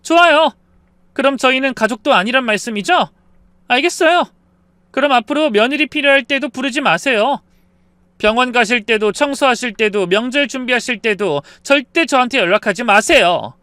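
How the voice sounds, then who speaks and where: A man's voice: extremely high pitch, animated, normal speed, bright, forceful tone, no room sound, exaggerated voice. A man voicing a fed-up daughter-in-law in a story reading, answering back indignantly and defiantly. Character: fed-up daughter-in-law, wife of ten years.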